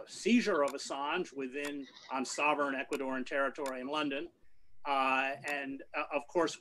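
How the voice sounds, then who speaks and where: A middle-aged man answering a press question over a video call from a book-lined study, firm and measured with many fillers. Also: mid-range voice, a bit bright, poor audio. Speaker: panelist. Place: home study with bookshelves. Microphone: video call webcam.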